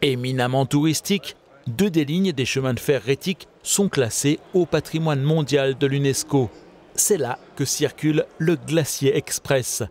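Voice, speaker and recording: Man, scripted narration, steady and informative, mid pitch, faint noise.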